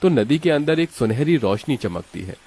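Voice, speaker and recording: A man narrating a cartoon story in a steady, explanatory storytelling manner. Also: mid-range voice, moderate pace, husky.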